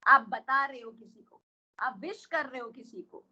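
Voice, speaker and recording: Indian lady coach explaining stuff in an online class, high bright voice, kinda dull lo-fi sound. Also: a little slow, breathy edge. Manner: explains patiently with many questions to listeners. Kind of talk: online workshop lesson.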